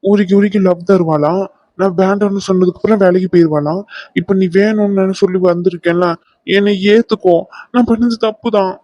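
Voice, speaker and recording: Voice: mid-range voice, fairly even intonation, a little fast, mellow, no room sound, dull audio, lightly acted. A performer voicing a young man who pleads with his ex and then turns threatening. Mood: pleading. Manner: insistent, clingy, pushy.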